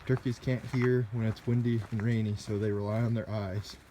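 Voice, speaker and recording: A man casually narrating a hiking vlog outdoors, talking in strong wind high on a mountain. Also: level tone, moderate pace. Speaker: hiker filming a trail vlog. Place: outdoors on windy mountain trail and balds. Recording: muffled lo-fi camera audio, loud wind noise. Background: loud gusting wind.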